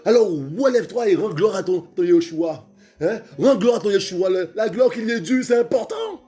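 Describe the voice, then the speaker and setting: Fervent high-voiced male preacher. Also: expressive, moderate pace, faint music behind. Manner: fervent, repetitive, calls out to listeners, stammers, shouts at times.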